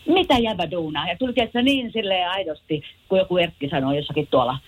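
A woman calling in to a radio show, telling a story in an animated way. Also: on the low side. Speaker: caller. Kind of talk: phone-in story.

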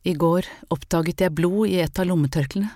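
A woman's voice: fairly low pitch, dark tone, no room sound, clean studio sound, close to an everyday voice. A woman reading the part of a frightened young woman in an audiobook, pleading and urgent. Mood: anxious. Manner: pleading, breaking into cries and whispers.

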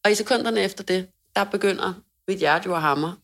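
A young woman co-hosting a casual chat, telling a story in an animated way, swearing freely and acting out quotes loudly. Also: medium pitch. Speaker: podcast co-host.

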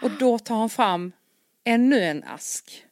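A woman's voice: on the high side, dry recording, studio quality. A young woman in casual chat, telling a long story with energy and acting out the dialogue. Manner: animated, acts out quoted dialogue. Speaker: podcast co-host telling a story.

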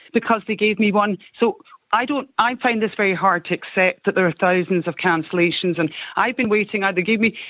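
A woman's voice: mid-range voice, dry recording. Female phone-in caller, argumentative and sceptical, casual talk, narrow dry phone line.

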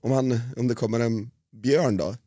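A man's voice: medium pitch, warm tone, no echo, clean studio sound. A man co-hosting a casual podcast, laid-back, with short joking asides. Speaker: podcast co-host.

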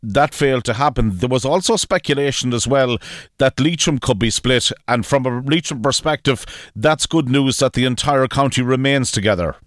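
An Irish man interviews for radio news in a mid-pitched voice. He phrases questions formally and at a measured pace, in a dry studio-like sound with little room. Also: no room sound.

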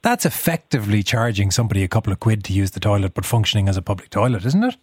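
Fast-talking Irish radio host. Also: male voice, lowish voice, big pitch swings, slightly rough, dry recording, clean studio sound. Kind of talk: conversational broadcast interviewing.

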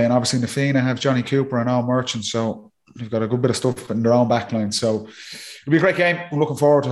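A man with an Irish accent giving casual match analysis and banter as a podcast pundit. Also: mid-range voice. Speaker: sports podcast pundit, former player.

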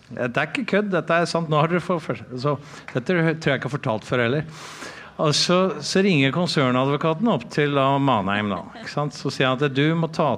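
A man, a drummer, telling funny stories in a casual chat, swearing and laughing as he goes. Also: medium pitch. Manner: lively anecdotes, swears, laughs while telling. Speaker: drummer and podcast guest. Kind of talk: casual storytelling. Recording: faint ambient noise.

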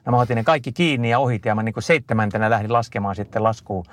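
A middle-aged man answering an interviewer in casual conversation, telling long rambling stories full of fillers and restarts. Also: fairly low pitch. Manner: rambling, lively storytelling with many fillers and restarts. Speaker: interview guest, endurance skier.

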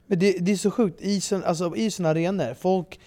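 A man co-hosting a relaxed podcast chat, mostly answering with short agreeing reactions. His tone is dark and mellow, and his voice sits a little high. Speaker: podcast co-host. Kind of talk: casual chat.

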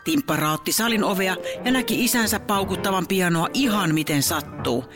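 A woman narrating a children's audio story in a lively, brisk way. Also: on the low side, music in the background.

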